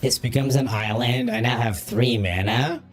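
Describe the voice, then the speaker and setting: A man's voice: mid-range voice, moderate pace, soft background music. A man talking through a voice modulator filter, thinking aloud through each move as a streamer in casual gameplay commentary. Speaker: streamer playing a card game.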